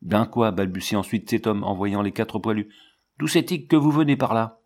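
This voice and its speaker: A man's voice: lowish voice, normal speed, darkish tone, close to an everyday voice. A man voicing a startled male French trench sentry who talks in blunt, surprised slang, in a storybook reading. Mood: baffled.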